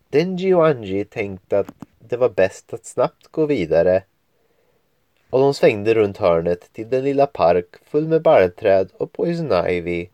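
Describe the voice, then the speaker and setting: A man's voice: fairly low pitch, dark tone, no room sound. A man reading a children's story aloud at home, with playful voices for the children's lines. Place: home room at a computer.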